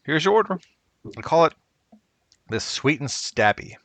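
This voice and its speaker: A man's voice: on the high side, very animated, unhurried, fairly bright tone, no echo, voice pushed up, exaggerated voice. A man voicing a friendly, eager young boy running errands in a video game. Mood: chirpy. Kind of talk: reading video game dialogue in character.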